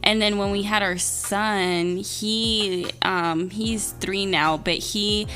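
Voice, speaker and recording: A woman's voice: medium pitch, steady tone, slow pace, pushed and bright, soft background music. A woman in her twenties co-hosting a podcast, chatty and teasing. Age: 20s. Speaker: podcast co-host. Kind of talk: casual chat.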